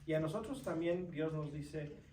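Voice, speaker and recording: A man's voice: a little high, normal speed, dark tone, slight background noise. A man, a deacon, reads scripture aloud to a group, explains it and asks his listeners questions. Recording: roomy sound from a distant mic.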